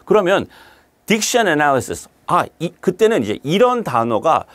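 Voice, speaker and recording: A man teaching an exam-prep lecture, lively and explanatory, slipping English terms into his talk and reading English passages slowly. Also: fairly high pitch, no room sound. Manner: animated, mixes English terms into Korean, reads English lines slowly.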